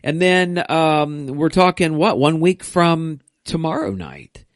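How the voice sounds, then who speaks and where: A man's voice: fairly high pitch, lively intonation, takes it slowly, no echo, studio quality. A man who is a minister, chatting casually about faith and upcoming church events. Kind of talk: casual church podcast chat.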